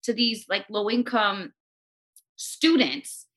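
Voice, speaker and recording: A woman's voice: mid-range voice, takes it slowly, fairly bright tone. A woman from Los Angeles, a radio co-host, chatting casually and emotionally as a podcast guest, full of "you know what I mean".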